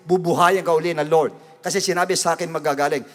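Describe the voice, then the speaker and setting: Calm faithful elderly father, voiced by a male preacher, reassuring, echoing hall. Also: on the high side, fast talker, pitched below the performer's own voice, natural voice. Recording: long reverb of a church hall.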